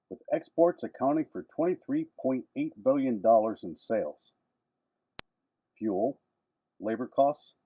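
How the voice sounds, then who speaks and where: A man's voice: mid-range voice, mellow, breathy edge, no room sound, poor audio. A man delivering scripted news narration in an emphatic way, posing rhetorical questions. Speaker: reporter and narrator.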